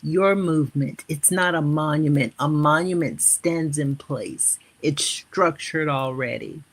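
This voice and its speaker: A woman in her fifties or older hosting a live motivational stream. She addresses viewers as family and leads them through repeated affirmations. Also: low voice. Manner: slow, repetitive affirmation-leading. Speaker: motivational host.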